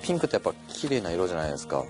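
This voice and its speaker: A man's voice: deep voice, very animated, racing, music in the background. A young man giving casual, reflective comments in an interview style.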